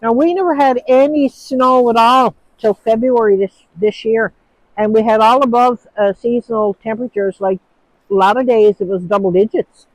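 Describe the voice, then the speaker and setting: Snow falls around a woman with a Newfoundland English accent as she casually rambles through viewer questions on her phone, often hesitating. She's from Newfoundland, Canada, and talks at a normal speed in a fairly high voice. The audio is low-quality and has no room sound.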